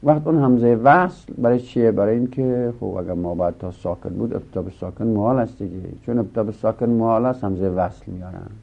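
Male grammar teacher with a lowish voice, patient and repetitive lecture delivery, muffled lo-fi audio. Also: vocal fry, hardly any pauses. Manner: explains step by step, repeats rules, asks and answers own questions. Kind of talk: classroom lecture. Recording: dull lo-fi recording.

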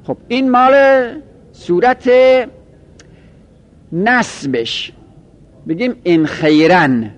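A man lecturing a grammar class, patiently explaining and slowly drawing out example phrases as he repeats them. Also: high-pitched, very animated. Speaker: Arabic grammar teacher. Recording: dull lo-fi recording.

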